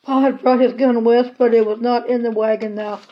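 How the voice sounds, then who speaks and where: A woman's voice: fairly high pitch, flat delivery, fairly quick. Woman reading a storybook aloud. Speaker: audiobook reader. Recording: slightly dull lo-fi recording.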